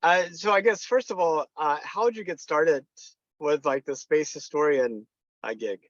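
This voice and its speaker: A man asking interview questions in a hesitant, halting way. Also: a little high, no echo. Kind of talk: casual interview. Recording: muffled lo-fi audio.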